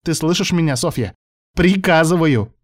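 A man's voice: fairly high pitch, animated, moderate pace, pitched above the performer's own voice, natural voice. Man doing a bossy, snide laptop professor. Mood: demanding. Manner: shouting, sneering and commanding. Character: irritable bossy male professor living in a laptop.

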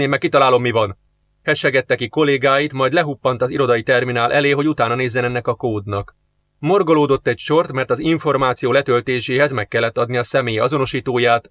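A man at a middling pitch narrates an audiobook with a steady, measured delivery. The sound is close and dry, with no room around it. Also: no room sound. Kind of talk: scripted narration.

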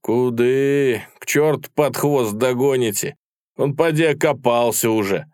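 A man's voice: medium pitch, a little slow, darkish tone, no echo, clean studio sound, voice pushed up, close to an everyday voice. A man reading aloud, voicing a triumphant colonel who mocks and reproaches a late officer. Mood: scornful. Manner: mocking, reproachful.

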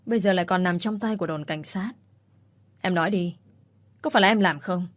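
A woman's voice: lowish voice, fairly quick, no room sound, close to an everyday voice. A woman reading the lines of an angry young husband, in an accusing manner.

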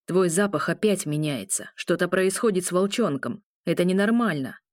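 A tense werewolf man who covers his nerves with dry jokes, as a woman reads him. The voice sits low and steady. It sounds close and dry, in an audiobook. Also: moderate pace, dry recording, natural voice. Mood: wry. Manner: wry, nervous joking.

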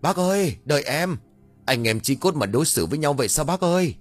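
A man voicing Hào, a cheeky young male villager who flatters and whines. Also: on the low side, brisk, dry recording, faint music behind. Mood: panicked. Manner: wheedling, whiny when scared.

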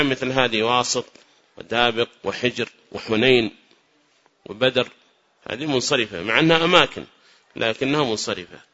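A man's voice: fairly high pitch, bright, forceful tone. A man teaching a grammar lesson to students, explaining patiently, repeating points and quizzing them. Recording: muffled lo-fi recording.

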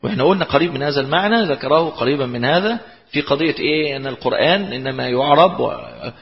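Egyptian guy teaching a class, bit high voice, quizzes the room then answers himself, muffled lo-fi sound. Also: expressive, fast talker. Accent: Egyptian Arabic. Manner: asks rhetorical questions and answers them. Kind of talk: lecture explaining a text. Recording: lo-fi recording in a reverberant hall.

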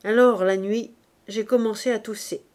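A woman reading aloud voices a tall, coarse young laundress woman with a heavy cold, speaking up louder and livelier than her narration. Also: mid-range voice, fairly even intonation, moderate pace, natural voice. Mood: gossiping.

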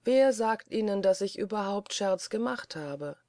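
Sly old manservant, dry and calm, mellow tone, dry sound, read by the narrator. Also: medium pitch, unhurried, no echo. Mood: bitter. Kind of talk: audiobook character voice.

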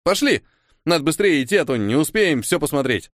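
Brief: excitable chatterbox boy, bright and high, as a man voices him; keep it lively, dry close read. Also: brisk, no room sound. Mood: excited. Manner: eager, exclaiming, high-pitched. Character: excitable clumsy rich boy, talkative. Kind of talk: audiobook character voice.

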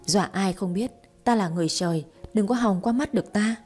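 A woman voicing a feisty, sharp-tongued young wife with a sassy, teasing manner in a storybook reading. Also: medium pitch, faint music behind, close to an everyday voice. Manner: sassy, teasing, quick retorts.

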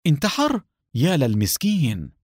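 A startled young psychiatrist, voiced by a man narrating cries out in a high, pressing voice. His alarm is sharp and urgent. The recording is dry and close. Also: expressive, fairly quick, no echo. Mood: stunned. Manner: exclaiming urgently. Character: shocked young male psychiatrist.

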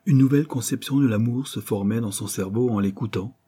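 Husky, mellow male narrator. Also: medium pitch, a little fast. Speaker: audiobook narrator. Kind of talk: scripted narration.

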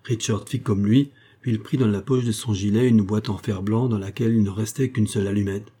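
A man narrating a novel as an audiobook in a measured, theatrical storytelling manner. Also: fairly low pitch, steady tone, mellow, slightly rough. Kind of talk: scripted narration.

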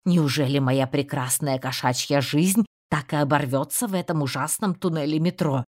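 A woman narrating an audiobook in a steady, even storytelling manner. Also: sits low, normal speed. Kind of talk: scripted narration.

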